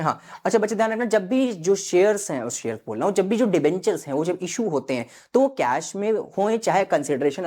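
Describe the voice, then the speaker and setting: A man's voice: high-pitched, darkish tone. Male teacher, online exam-prep lecture, patient step-by-step explaining, keeps checking in with students. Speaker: accountancy teacher.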